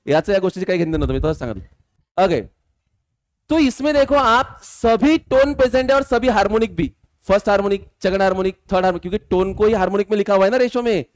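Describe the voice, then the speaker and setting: A male physics teacher, lecturing a class, quizzing students and slowly dictating formulas. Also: high-pitched, expressive.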